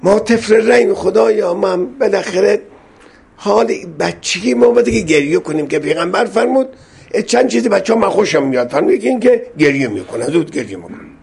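A male preacher with a gravelly, husky voice, giving a fervent, pleading sermon mixed with prayer that rises into loud cries. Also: high-pitched, animated. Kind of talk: religious sermon with supplication.

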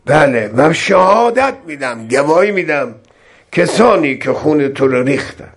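A man preaching a sermon, swinging between loud exclamations and soft recitation of scripture. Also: a little high, big pitch swings.

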